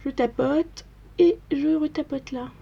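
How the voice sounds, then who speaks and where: A woman's voice: high voice, unhurried, gravelly, mellow, highs cut off. A young woman chatting casually through a makeup tutorial, narrating each step as she works in front of the camera. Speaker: makeup vlogger.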